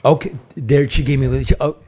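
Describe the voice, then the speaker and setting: A man hosting a radio show, loudly teasing his co-hosts, swearing and reading ads live. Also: medium pitch, fairly even intonation, moderate pace. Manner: loud, brash, swearing, teasing. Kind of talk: loose profane studio banter and live ad reads.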